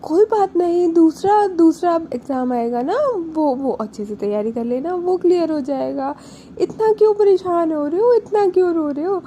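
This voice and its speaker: Prachi: a doting, teasing young woman, bright and coaxing, voiced by a woman narrator. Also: extremely high pitch, lively intonation, normal speed, slight background noise, voice pushed up. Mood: soothing. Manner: playful, coaxing, soothing.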